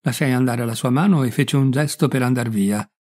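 A man gives a first-person literary reading with a warm, mellow tone. He takes his time, leaning into phrases with quiet emotion. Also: medium pitch. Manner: measured, emotive, lingering on phrases. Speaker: audiobook reader.

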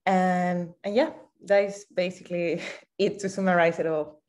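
A woman's voice: lowish voice, steady tone, normal speed, a little mellow. A young woman, a saxophonist, talking thoughtfully in casual conversation over a video call. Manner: thoughtful, many fillers like "you know" and "like". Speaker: saxophonist and composer. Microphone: video call mic.

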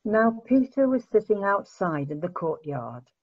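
A woman's voice: mid-range voice, very animated, unhurried. A woman narrating scripture from a script as part of a dramatic reading. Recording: muffled lo-fi home recording.

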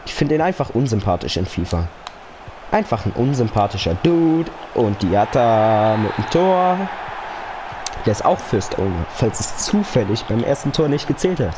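A man's voice: lowish voice, very animated, normal speed. Young man commentating casually over game noise. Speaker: gaming YouTuber.

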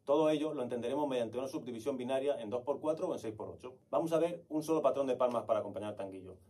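A man teaches flamenco clapping patterns at a brisk clip and counts beats out loud. His voice has a slightly husky edge. He sounds set back from the microphone. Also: mid-range voice, far from the mic. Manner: explanatory, counts beats aloud. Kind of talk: online music lesson.

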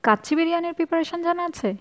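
A woman voicing an excitable, patriotic young male student who talks in hurried, blustering outbursts. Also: very high voice, voice pushed up.

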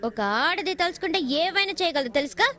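An actress playing a headstrong, sharp-tongued young woman in dubbed film dialogue, talking in a defiant, scolding way. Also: very high voice, lively intonation, quick pace, exaggerated voice. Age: young adult.

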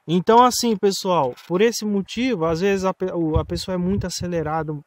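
A man in his late twenties with a São Paulo Brazilian accent speaks in a high voice, a little fast, as a vlogger and learner rider on a rural dirt road. He chats casually and reassuringly, explaining things in a rambling, instructional way. The outdoor phone recording carries loud motorcycle engine noise.

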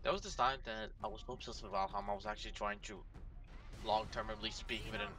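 A man chatting with friends during a co-op game, animated and joking. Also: on the low side, a little fast, distant mic. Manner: animated, jokes about accents. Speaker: co-op teammate. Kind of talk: casual co-op gaming chat.

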